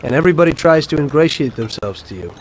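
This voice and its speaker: A slightly high, quick male voice, near his everyday speech, plays a former cab driver turned mafioso turned informant in a game cutscene. He calmly and unrepentantly narrates his past to a detective in a matter-of-fact way. The audio quality is poor.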